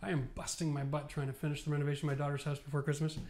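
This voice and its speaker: A renovation expert host from Canada, in his forties, races through an explanation of home renovation at a studio whiteboard indoors, miked with a lapel mic. He sounds tired, yet he's emphatic and animated, building into passionate rants in a voice a little high for a man.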